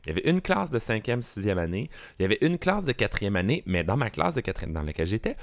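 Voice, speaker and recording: Lively low-voiced Quebec storyteller. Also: male voice, fast. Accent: Quebec French. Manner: animated, storytelling, teasing. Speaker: guest, drag queen. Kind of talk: casual chat.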